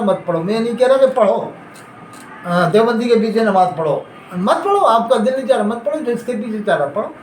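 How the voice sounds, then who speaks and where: A man preaching a sermon, arguing with rhetorical questions and rising emphasis. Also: sits high. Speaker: Islamic preacher. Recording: echoey hall, faint background noise.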